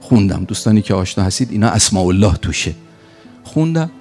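A man telling a religious story as a preacher, animated and pausing for effect. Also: on the low side, faint music behind.

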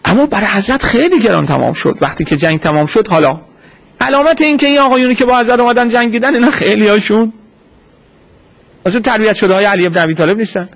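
A man with a high voice delivers a sermon as a retold story. He keeps asking rhetorical questions and answering them. He acts out the people he quotes. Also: creaky. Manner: acts out quoted speech in a lively retelling. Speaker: preacher.

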